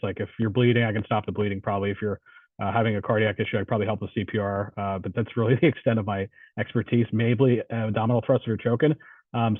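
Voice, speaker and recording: Fast-talking New Jersey man on a phone line. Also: fairly low pitch, no echo. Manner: conversational, stories with restarts. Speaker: police instructor. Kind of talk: panel answer, storytelling. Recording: far from mic, tinny phone-like line.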